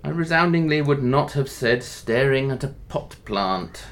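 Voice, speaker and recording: A man's voice: mid-range voice, animated, unhurried, a bit bright, a little hiss or hum. A man acting in an audio drama as a bored, wry middle-aged researcher with a polite, evasive manner.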